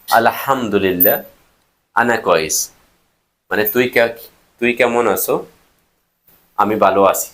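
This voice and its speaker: A man giving a casual spoken language lesson, repeating each word slowly and checking that viewers are writing it down. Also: lowish voice, fairly bright tone. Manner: repeats words slowly for learners, asks if they are writing. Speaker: language teacher vlogger.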